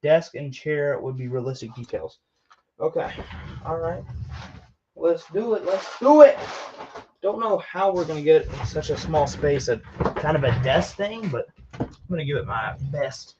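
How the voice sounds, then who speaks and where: A man's voice: fairly high pitch, lively intonation, moderate pace, highs cut off, background noise. A man casually commenting while he builds with Lego, rambling and joking at himself as he works. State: tired.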